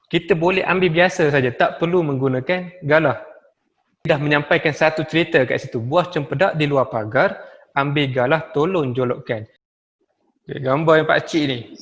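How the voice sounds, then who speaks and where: A man with a Malaysian Malay accent teaching a lesson on poetry, spelling out rhymes slowly and reciting verses. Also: on the high side, fairly bright tone, big-room sound, muffled recording. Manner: slow, spells out letters and rhymes, recites verse with rising and falling intonation. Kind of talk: recorded classroom lesson on poetry.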